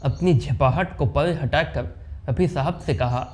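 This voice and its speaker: A man with a mellow, warm tone and a slightly high voice tells an anecdote in a dramatic storytelling style. He shifts his voice whenever he quotes someone. The delivery is that of a narrator holding a listener's attention. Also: unhurried. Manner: dramatic, voices quoted characters with pitch swings. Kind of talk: anecdote narration with acted dialogue.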